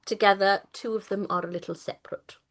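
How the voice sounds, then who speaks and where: A woman narrating as game master of a tabletop game, playful and quick to laugh. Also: mid-range voice, fairly even intonation, fairly bright tone. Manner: playful, laughs often, drops into silly character voices.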